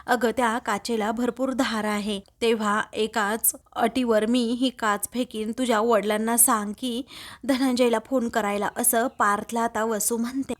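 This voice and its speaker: A woman narrating a recap of a TV serial episode, retelling each scene and reading out the characters' lines in turn. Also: a little high.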